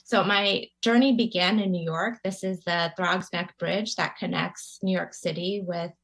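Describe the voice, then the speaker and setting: Unhurried and creaky, her fairly low, fairly bright voice stays mostly even in intonation, though the audio is poor. A woman in her forties from Taiwan, she lectures conversationally as a guest over a video call webcam at home among bookshelves, frequently restarting and saying um.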